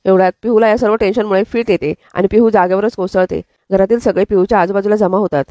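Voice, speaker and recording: Fast-talking woman recapping a serial. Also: mid-range voice, steady tone, warm tone, no echo. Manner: brisk storytelling, reading quotes plainly. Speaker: episode recap narrator.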